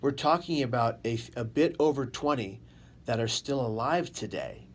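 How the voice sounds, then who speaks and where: A man telling his own story as an interview guest, in deliberate, dramatic short phrases that he repeats for emphasis. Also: mid-range voice, expressive. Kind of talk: personal testimony in an interview. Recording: faint background noise.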